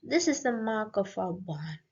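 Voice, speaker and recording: A woman voicing a sly, scheming old witch who speaks in a measured, coolly superior way. The audio is dull and lo-fi. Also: mid-range voice, very animated, a little mellow, breathy edge, full character voice. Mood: sly, pleased.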